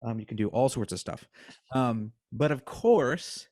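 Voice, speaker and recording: Male podcast host, casual and animated, middle pitch, jokey ranting delivery. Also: a little slow. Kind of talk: casual chat.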